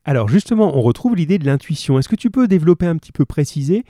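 A man's voice: fairly high pitch, sing-song, fast, mellow, no room sound, studio quality. A man teaching an online class who talks to his pupils in a friendly, encouraging way, with frequent hesitations and fillers. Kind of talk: online class read-aloud and discussion.

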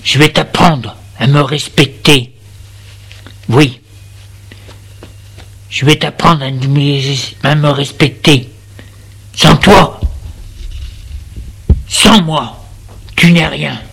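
A man's voice: fairly high pitch, very slow, creaky, long pauses, fairly bright tone, slightly rough, exaggerated voice. A man voicing a furious, domineering middle-aged father who scolds harshly and with contempt.

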